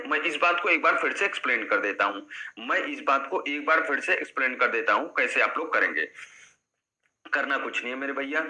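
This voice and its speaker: A man's voice: a little high, pushed and bright, low-quality recording. A man teaching students, explaining step by step, repeating points and quizzing the class. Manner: addresses students as 'beta' and 'bhaiya'. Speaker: English teacher.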